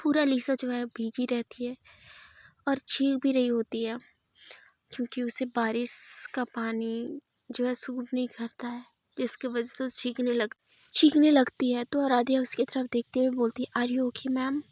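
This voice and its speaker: A woman's voice: on the high side, little pitch movement, measured pace, no echo. Woman narrator, casual episodic storytelling, chatty and self-correcting, dry close recording.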